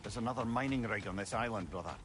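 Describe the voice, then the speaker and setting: An actor voicing a talkative, wry older male companion in a video game, with an excitable manner. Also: fairly low pitch, fast talker, noisy background, natural voice.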